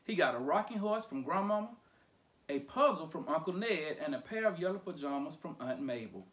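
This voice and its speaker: Man reading a kids book aloud, high lively voice, super animated. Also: brisk. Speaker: storyteller. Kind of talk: read-aloud children's storytime.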